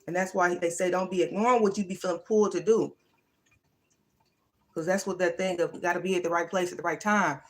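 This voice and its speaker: A woman's voice: on the low side, fairly even intonation, fairly quick. Woman, livestream host, motivational talk, casual, emphatic, folksy.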